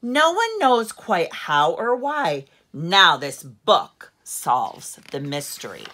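A bright, animated middle-aged woman with a lowish voice reads a picture book aloud expressively, like a teacher reading to children. She phrases things deliberately, as a storyteller would, with strong emphasis, while seated in an armchair in a living room at home.

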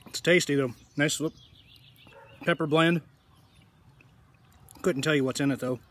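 A man talking casually to his viewers in a tasting vlog, rambling in a relaxed way. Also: on the high side, unhurried. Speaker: food reviewer.

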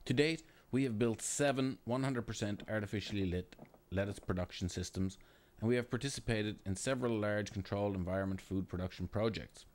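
A man reading a scripted, formal narration in a measured way. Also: fairly low pitch, darkish tone.

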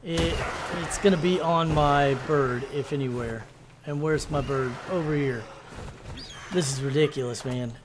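A man hosting a gaming video, giving let's-play commentary in an animated, exasperated, mock-ranting way. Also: a little high, unhurried, background noise. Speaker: gaming channel host.

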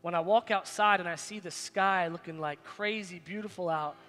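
Preaching on a large church stage, a forty-something pastor moves animatedly between booming high bursts and soft low asides at a moderate pace. The hall adds a long reverb, and faint music plays in the background.

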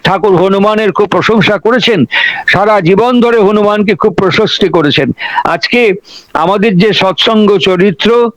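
High-voiced man preaching a devotional sermon. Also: normal speed, no echo, rough recording. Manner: repetitive, emphatic rhetorical preaching.

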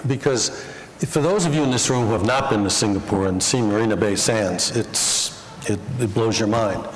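A man interviewing an honored guest onstage at a dinner, flattering and posing questions. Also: lowish voice, moderate pace. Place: large banquet hall. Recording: echoey banquet hall with crowd.

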